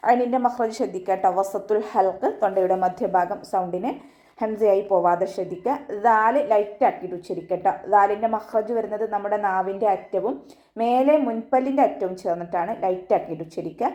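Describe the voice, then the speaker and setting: A woman leads an online tajweed lesson in a warm, mellow voice. She explains each rule patiently and step by step, often closing with a soft tag word, then chants the verse words slowly and high. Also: lo-fi sound. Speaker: Quran recitation teacher.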